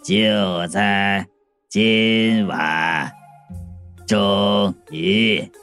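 Eerie male voice glitching like a broken machine, stiff, halting, gravelly, very slow, audiobook horror. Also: low voice, steady tone, a bit bright, faint music behind, voice pushed down, exaggerated voice. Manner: halting, choppy, mechanical delivery. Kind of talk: audiobook narration.

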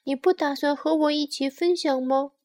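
Woman voicing a little bear cub, storybook, loud, insistent, very high voice. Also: slow pace. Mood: excited. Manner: shouting, insistent.

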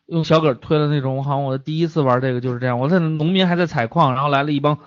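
A man hosts a casual online voice-chat show, joking with his guests and swearing freely. His voice sits a little high, and it is recorded dry and dull, like a lo-fi stream. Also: rapid-fire, dry recording. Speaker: livestream host.

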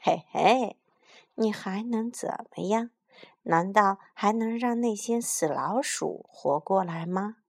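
A woman's voice: mid-range voice, slow, creaky, slightly rough, full character voice. A woman playing a pompous, greedy male mayor who drawls smugly and throws in English words. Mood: sly. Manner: boastful, smug drawl, mixing in English.

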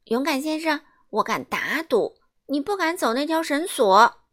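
A woman doing a mischievous storybook gossip, fast and loud, very high, teasing, bouncing pitch. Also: expressive.

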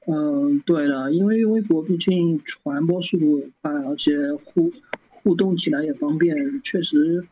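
A man with a husky, slightly high voice answers questions as a podcast guest. He talks casually and keeps stumbling and restarting words. The recording sounds dull and lo-fi. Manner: halting, many stammered restarts. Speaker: guest, fan site founder. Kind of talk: casual interview talk.

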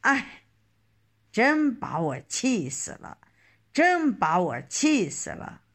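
A woman voicing a flustered, angry old male straw-hat peddler in a children's story, scolding and shouting. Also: a little high, very animated, slow, exaggerated voice. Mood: exasperated sigh.

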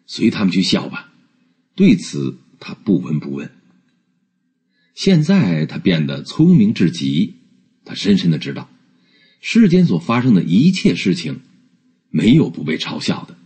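Deep, husky male storyteller. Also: darkish tone. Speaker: narrator. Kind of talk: storybook narration.

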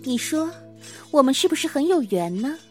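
In a Chinese period audio drama, a woman plays a bold, playful young assassin who teases in a coquettish, drawn-out way. Her high voice is very animated, with background music beneath it.

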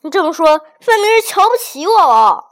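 A pompous official barks and scolds, loud and huffy, voiced by a woman reading a folk tale. The voice sits high and pushes hard. It sounds like a storyteller's character turn. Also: lively intonation, normal speed. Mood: blustering. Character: blustering pompous male prefect, angry official.

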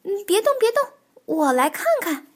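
A woman's voice: extremely high pitch, sing-song, normal speed, pitched above the performer's own voice. A woman voicing a playful, teasing young male frog in a children's storybook, with a raised, bouncy voice. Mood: cheeky. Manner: playful, teasing, sing-song.

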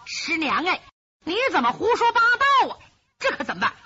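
A woman's voice: extremely high pitch, very animated, normal speed, bright, forceful tone, pitched above the performer's own voice, heavily acted. A woman storyteller voicing an anxious, scheming young swordswoman who frets aloud to herself. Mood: dismayed. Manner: fretful, talking to herself. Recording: lo-fi, dull recording.

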